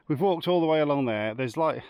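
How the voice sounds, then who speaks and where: A man's voice: on the high side, lively intonation, moderate pace, a little mellow, dry recording. A man hosting a casual travel vlog, chatting and joking to the camera while outdoors at a campsite and on walks. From England. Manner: chatty, jokey, narrating to camera. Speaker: vlog host. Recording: outdoor recording with clear background noise.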